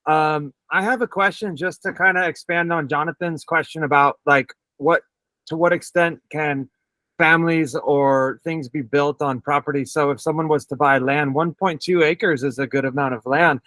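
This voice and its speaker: A man from California asking a question on a video call in a friendly, measured way. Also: fairly high pitch, steady tone, pushed and bright, no echo. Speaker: caller.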